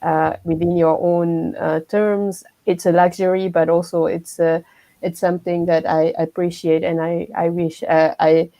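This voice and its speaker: A woman's voice: lowish voice, flat delivery, a little slow, mellow, dry recording, rough recording. A woman from Malaysia who has a young child, sharing her views in a casual group discussion, with many fillers and restarts. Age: adult with a child. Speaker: workshop participant.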